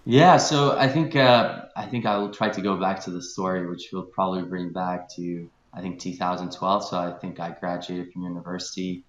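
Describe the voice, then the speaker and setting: A man from Lithuania, a guest on a podcast, talking in a relaxed, thoughtful way with hesitations. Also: sits low, normal speed, few pauses, roomy sound, lo-fi sound. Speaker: guest, venture capital founder. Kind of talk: podcast interview.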